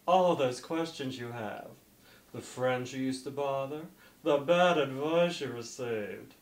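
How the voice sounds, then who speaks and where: A middle-aged man playing a sugary, self-proclaimed mystical drag diva, making a coy, theatrical hard sell infomercial pitch. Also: slow, distant mic, close to an everyday voice. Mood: grandiose, sweet. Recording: echoey room, off the mic.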